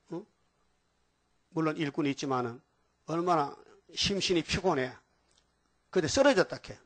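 A man preaching a sermon in a colloquial way, reading scripture slowly and often asking the congregation rhetorical questions. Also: on the high side. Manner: reads scripture aloud slowly and deliberately.

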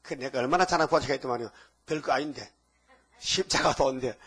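A man's voice: mid-range voice, fast, fairly bright tone, husky. An older man preaching a sermon, full of rhetorical questions. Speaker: pastor.

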